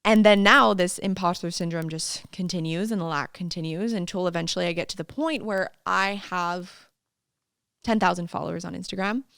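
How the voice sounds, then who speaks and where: A young adult woman chatting as a podcast guest, telling lively stories and acting out the voices of others. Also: fairly low pitch, normal speed, vocal fry, clean tone, no echo, studio quality. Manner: lively storytelling, acts out quoted voices, laughs often. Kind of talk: casual interview chat.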